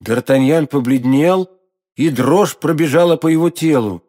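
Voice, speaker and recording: Man, audiobook narrator, dramatic, expressive, fairly high pitch. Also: moderate pace. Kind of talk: scripted novel narration.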